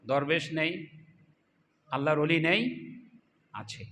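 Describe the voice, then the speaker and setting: A man giving a fiery political sermon to a crowd, asking rhetorical questions and swinging between loud cries and low asides. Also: expressive, slow pace, slight background noise. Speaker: Islamic political speaker.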